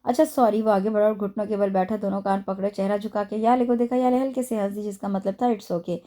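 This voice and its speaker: A woman narrating a novel aloud at a steady storytelling pace, with small stumbles. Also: medium pitch, fast talker. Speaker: audiobook narrator.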